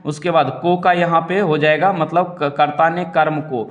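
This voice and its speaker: A young male teacher with a slightly high voice goes through multiple-choice exam questions one by one. He explains each answer at a steady pace and keeps coming back to the same stock phrases. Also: moderate pace.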